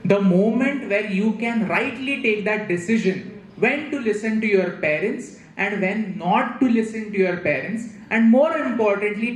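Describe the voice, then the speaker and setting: A man in his thirties with an Indian accent, giving a lively motivational talk to a room of students, often repeating himself and asking the audience questions. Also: high-pitched. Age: 30s. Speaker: guest speaker. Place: large hall with a student audience. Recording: echoey hall with faint noise.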